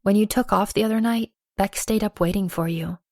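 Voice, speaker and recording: A woman narrating a first-person romance audiobook, playful and lively with acted dialogue. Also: medium pitch, a little fast, dry recording, clean studio sound.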